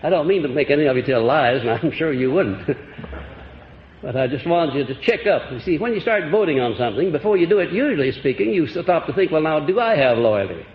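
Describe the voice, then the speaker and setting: A man's voice: fairly high pitch, expressive, fairly quick. A man giving a folksy motivational seminar lecture on an old archival recording, chuckling and quizzing his audience. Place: lecture hall before a live audience. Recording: echoey, dull old lecture-hall tape with faint hiss.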